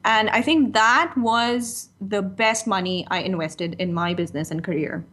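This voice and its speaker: A woman in her thirties from Pakistan, working as a freelance writer, guests on a casual interview chat. She speaks a little slowly in a medium-pitched, slightly bright voice, laughing readily and candidly sprinkling in many "you know" asides.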